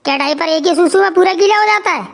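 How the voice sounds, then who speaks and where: A bossy cartoon wife who fires off demanding questions at her husband. Her voice is high-pitched and sharp. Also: fast, creaky. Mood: scolding. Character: bossy scolding wife, young adult woman.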